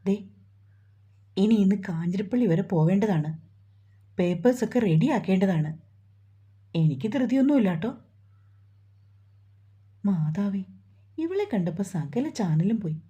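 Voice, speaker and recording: Brief: woman reading a tender, protective young man, husky and mellow, dull lo-fi sound. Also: medium pitch, animated, unhurried, pauses often. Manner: tender, coaxing.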